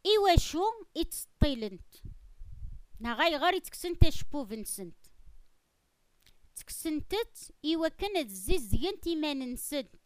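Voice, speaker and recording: A woman's voice: high voice, no room sound. A woman giving an emphatic, argumentative monologue with conviction. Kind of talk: opinionated monologue on religion and custom.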